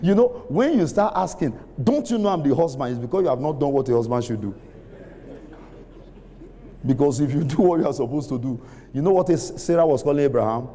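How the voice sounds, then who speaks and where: A middle-aged man preaching a sermon, using call-and-response, laughing often and rising to shouts. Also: medium pitch, expressive, brisk, pauses often. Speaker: pastor. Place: large church hall with congregation. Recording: reverberant hall, faint room ambience.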